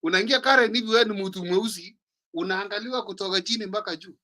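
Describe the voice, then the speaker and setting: Animated Kenyan man hosting a panel. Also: high-pitched, fast. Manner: animated, switches between English and Swahili, mimics others. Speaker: talk show host. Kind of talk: casual panel talk.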